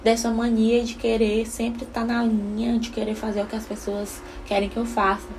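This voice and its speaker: A woman's voice: fairly high pitch, monotone, moderate pace, darkish tone, soft background music, low-quality recording. A young mother tells a personal story in a casual way and acts out what she said to her son.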